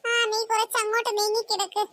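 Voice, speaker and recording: A woman voicing a bossy older sister in a cartoon, a young girl with a high child voice who snaps at her little brother. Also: level tone, fast talker, a bit bright. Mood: soothing. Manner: bossy, snappy. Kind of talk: cartoon voice acting.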